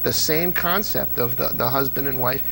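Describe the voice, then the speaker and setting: A man with a medium-pitched voice and some vocal fry speaks at a moderate pace over background noise. Interviewed casually as an old-time radio fan, he eagerly tells anecdote after anecdote, full of fillers and enthusiasm.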